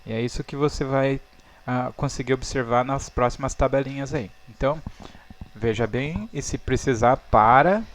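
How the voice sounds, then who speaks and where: A man's voice: mid-range voice, normal speed, a little hiss or hum. A Brazilian man, a native Portuguese speaker, teaching English numbers in a patient, explaining way over slides. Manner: patient, checks in with "tá?" and "ó".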